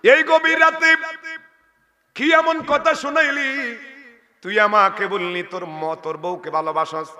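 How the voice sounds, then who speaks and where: Male preacher doing a wailing, heartbroken old mother, high bright voice, long reverb. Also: steady tone, moderate pace, hardly any pauses. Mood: pleading. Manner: wailing lament. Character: grieving old mother, sick and cast out. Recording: long reverb of a large venue.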